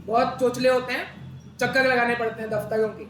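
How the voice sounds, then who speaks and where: A man's voice: extremely high pitch, steady tone, fairly quick, a bit bright, soft background music. A man teaching an accountancy class, talking conversationally, quizzing students and repeating key terms. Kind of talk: classroom lecture. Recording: echoey room with background noise.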